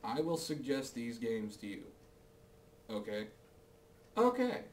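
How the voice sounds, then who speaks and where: A man hosting a casual game review, speaking with a box over his head in halting short phrases with asides. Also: mid-range voice, darkish tone, roomy sound, recorded from a distance, slight background noise. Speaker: game reviewer and host of the show. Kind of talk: casual scripted-style game review to camera and over gameplay.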